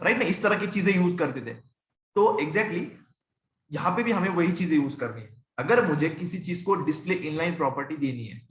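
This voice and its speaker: A young man from India teaching programming in a relaxed, conversational way, asking and answering his own questions. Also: fairly high pitch, reverberant, a little hiss or hum. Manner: conversational, asks and answers own questions, often checks in with "ठीक है". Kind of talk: screen-recorded coding tutorial.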